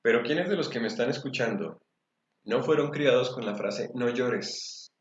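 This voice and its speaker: A man's voice: medium pitch, normal speed, a little hiss or hum. A man giving a lecture to an audience on emotional rehabilitation, acting out scolding parents in quoted phrases. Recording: echoey room, dull lo-fi sound.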